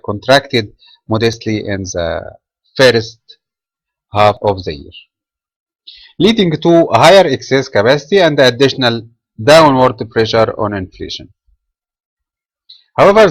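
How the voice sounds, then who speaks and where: A trading trainer from Egypt reads a market commentary webinar from a script, measured and with small filler pauses. His voice is lowish, with no echo but poor audio.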